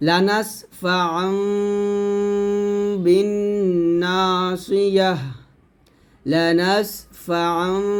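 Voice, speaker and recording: A man with a fairly high voice teaches Quran recitation rules in a clear, patient lesson. He explains each rule plainly, then recites examples slowly and with long drawn-out sounds. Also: a little mellow. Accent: Bangladeshi Bengali.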